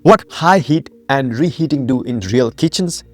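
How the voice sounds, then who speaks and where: Faint music plays behind this dry recording of a man with an expressive, mid-range voice and a moderate pace. He's from Nepal, the founder and host of a health channel, narrating a scripted educational piece with emphatic rhetorical questions.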